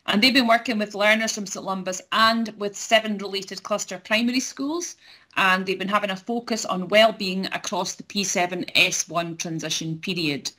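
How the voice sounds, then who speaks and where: A woman's voice: mid-range voice, fairly even intonation, moderate pace, bright, forceful tone. A woman hosting an online event, making informal introductions over a video call.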